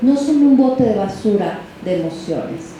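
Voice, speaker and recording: A middle-aged woman lectures a parents' workshop in Mexican Spanish, talking casually and tacking tag questions onto her phrases for the audience. Her fairly high voice is mellow, with lively intonation and a measured pace. The recording has room echo and faint background noise.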